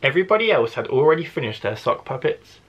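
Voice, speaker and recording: A male primary school teacher reads a story aloud to children in a slightly husky, mid-pitched voice. His delivery is expressive and sing-song, with careful, deliberate phrasing, and the recording has its highs cut off.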